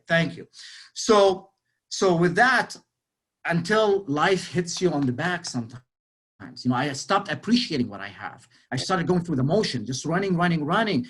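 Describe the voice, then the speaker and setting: A man in his forties speaks in a fairly high voice for a man. He keeps an energetic motivational sales talk going over a video call, firing questions at his listeners and leaning on "you know". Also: slightly rough. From Lebanon. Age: 40s. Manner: energetic, quizzes the audience, frequent "you know". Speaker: real estate sales speaker.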